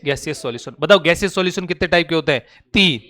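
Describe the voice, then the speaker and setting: A male teacher giving a classroom lecture, firing quick questions at his students and coaxing answers out of them with a familiar, urging manner. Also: on the high side, sharp tone. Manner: drills students with rapid questions; coaxing, calls students "beta".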